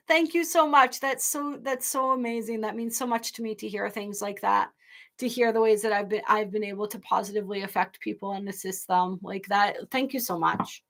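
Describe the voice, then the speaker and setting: Her voice a little high, bright and forceful, a woman running a live astrology and tarot stream addresses viewers casually and gushingly. She wanders, restarts frequently, and at times comes close to crying.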